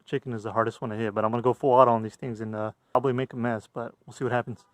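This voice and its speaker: A man's voice: medium pitch, little pitch movement, rapid-fire. A young man chatting casually and enthusiastically to camera as an airsoft reviewer, using informal slang. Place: backyard outdoors, later a room indoors.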